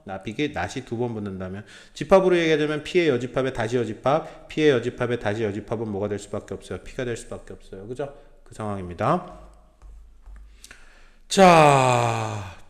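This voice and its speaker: In a small class, a math tutor with a mid-range male voice delivers a lecture, constantly using tag questions to check in with his students and dropping in slangy, blunt remarks.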